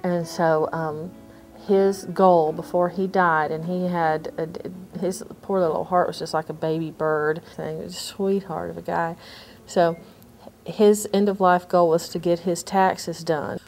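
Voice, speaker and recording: A woman's voice: on the low side, steady tone, unhurried, a little mellow. Folksy woman telling stories over guitar. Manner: folksy, humorous. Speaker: hospice nurse. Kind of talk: anecdotal storytelling. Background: guitar music.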